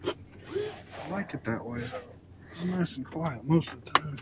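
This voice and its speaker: A man's voice: fairly high pitch, huge pitch swings, takes it slowly, heavy background noise. A man, chatting casually as a travel vlogger and reading signs aloud outdoors. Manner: chatty, jokey, reads plaques aloud. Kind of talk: casual tour chat. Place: outdoors in a small town, windy.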